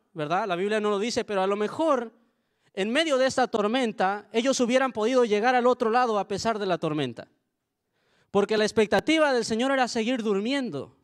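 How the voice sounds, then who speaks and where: Young pastor guy preaching, pretty high voice, earnest and chatty with the congregation. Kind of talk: sermon.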